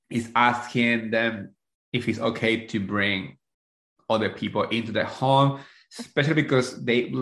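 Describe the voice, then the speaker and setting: This man co-hosts a podcast and chats casually, recapping television shows. His voice is medium in pitch and a little bright, and the recording sounds roomy with an echo.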